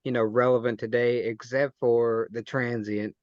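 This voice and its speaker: Flat, smooth-voiced man summing up. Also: mid-range voice, moderate pace, no room sound, muffled recording. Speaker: podcast panelist. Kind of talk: casual book discussion.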